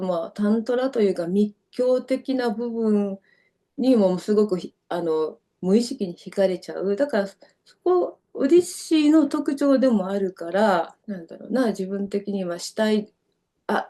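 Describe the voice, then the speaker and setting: Warm and expressive, her medium-pitched voice moves at a moderate pace. She is a middle-aged dancer from Kyoto, Japan with a Kansai accent, chatting casually as an interview guest and spinning long, wandering tales full of fillers.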